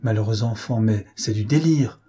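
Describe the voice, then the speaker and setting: A man's voice: lowish voice, moderate pace, mellow, slightly rough. A man putting on an anxious old aunt. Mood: pleading. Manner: pleading, soothing. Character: anxious elderly aunt and governess, tender.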